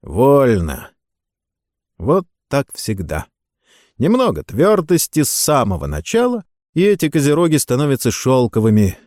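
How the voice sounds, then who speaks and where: Expressive male audiobook narrator. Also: medium pitch, moderate pace, dry recording, clean studio sound.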